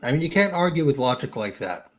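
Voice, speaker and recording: A man with a New Jersey accent hosting a casual chat, joking around and talking in halting restarts. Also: on the high side, sing-song, slight background noise. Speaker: channel host.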